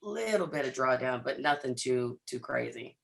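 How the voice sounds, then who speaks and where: At a medium pitch and moderate pace, a man whose voice has gone hoarse addresses live-stream viewers. He's a trading coach, full of hype and energy.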